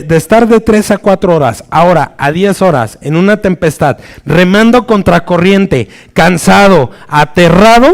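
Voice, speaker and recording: A man delivers a sermon in a somewhat high voice at a slow, deliberate pace. He hunts for his words with small restarts and keeps checking in with his listeners. When he quotes the story he shifts sharply in pitch and loudness. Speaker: preacher.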